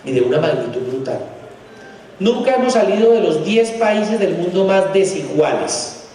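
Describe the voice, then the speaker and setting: A man's voice: sing-song, normal speed, a little mellow, far from the mic, a little hiss or hum. Bogotá man lecturing in an echoey hall. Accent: Bogotá Colombian Spanish. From Colombia. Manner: emphatic and sarcastic, rising in pitch to stress points. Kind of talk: conference lecture. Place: large hall.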